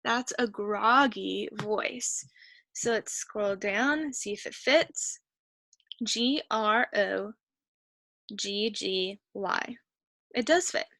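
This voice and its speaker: A woman's voice: mid-range voice, extremely slow, vocal fry, pauses often, pushed and bright, dry recording. A woman teacher patiently going through a reading worksheet, encouraging students and thinking aloud as she searches the text. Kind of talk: reading comprehension lesson.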